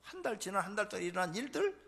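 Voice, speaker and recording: A male pastor preaching a fervent sermon, moving from hushed storytelling to shouted exhortation. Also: high voice, sing-song, rapid-fire, gravelly.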